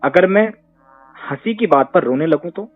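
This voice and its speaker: Man, fairly high voice, emphatic advice, rhetorical questions, tinny phone-line sound, faint music. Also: animated, moderate pace. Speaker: psychotherapist answering questions. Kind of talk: conversational Q&A advice.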